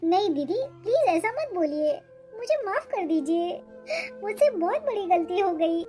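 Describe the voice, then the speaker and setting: Young cartoon mother, emotional and pleading, very high pitch, music underneath. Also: big pitch swings, unhurried, heavily acted. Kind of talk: Hindi cartoon voice acting.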